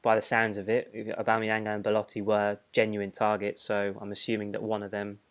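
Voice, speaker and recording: Brief: male podcast co-host with a lowish voice, casual and chatty, prone to laughing while reading comments aloud. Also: completely flat delivery, fairly quick, clean tone. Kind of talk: casual fan podcast chat.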